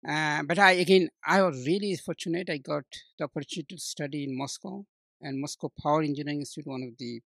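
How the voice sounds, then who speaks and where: Gravelly older man from Bangladesh. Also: a little high, fast talker, no room sound. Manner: hesitant, many restarts and fillers, warm laughs. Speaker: guest. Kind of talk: conversational interview.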